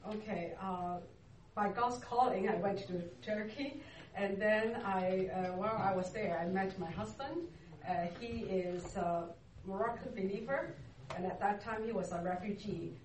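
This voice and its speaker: A woman from Hong Kong who works in church ministry is a guest in a casual interview, speaking at medium pitch in a slightly mellow voice. She talks slowly and unhurriedly, halting often as she searches for words. The distant mic picks her up in an echoey church hall with clear noise around her.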